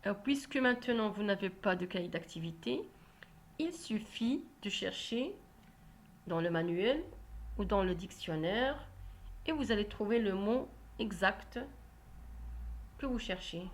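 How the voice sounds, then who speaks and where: Woman teacher going over reading exercises, talks real slow and careful, says everything twice. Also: mid-range voice, expressive. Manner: slow, clearly articulated, repeats instructions. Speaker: primary school teacher. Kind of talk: reading lesson walkthrough.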